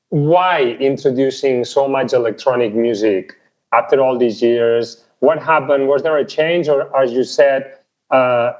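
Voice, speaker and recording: A man's voice: mid-range voice, darkish tone. A man hosting an interview, listening attentively and asking hesitant, rambling questions. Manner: attentive, frequent mm-hmms, hesitant questions with uhs. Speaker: interviewer, channel host. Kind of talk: casual interview chat. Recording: dull lo-fi audio.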